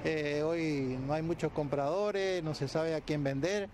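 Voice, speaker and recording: Older Argentine man, higher-pitched voice, outdoors. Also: steady tone, measured pace. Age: 60s. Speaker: interviewee, head of a rural producers' society. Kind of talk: TV news interview, spontaneous answers. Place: outdoors beside a building. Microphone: handheld reporter's mic, through a face mask. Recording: outdoor news recording with faint ambient noise.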